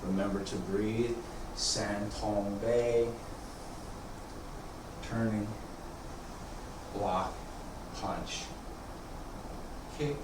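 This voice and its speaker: A man leading tai chi practice as instructor, calling serene, sparse movement cues in calm, measured short phrases. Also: lowish voice. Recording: echoey room, distant mic, background noise.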